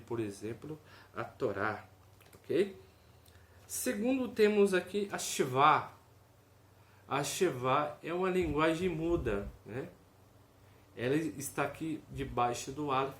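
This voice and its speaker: A man giving a casual video lesson, explaining step by step, often checking in with "ok?" and sounding out each vowel aloud. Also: on the high side. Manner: explanatory, tag questions, demonstrates sounds aloud. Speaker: teacher. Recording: echoey room, faint noise.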